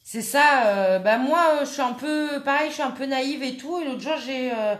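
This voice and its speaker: Working at her craft table, this woman talks through a scrapbooking project step by step, casual and unsure, with lots of fillers. She speaks fairly high at a moderate pace. Her tone is a touch bright, and the recording has a roomy feel.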